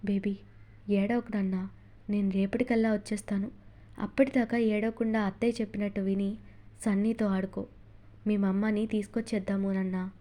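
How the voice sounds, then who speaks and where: A woman voicing an anxious young husband and father in an audiobook, speaking low, hushed and gentle. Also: fairly even intonation, moderate pace, long pauses, close to an everyday voice. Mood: soothing.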